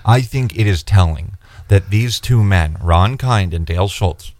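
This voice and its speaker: During a radio interview in the studio, a state senate candidate discusses his campaign earnestly and in a measured way, with fillers and restarts. His deep, darkish voice is animated, and there's no echo.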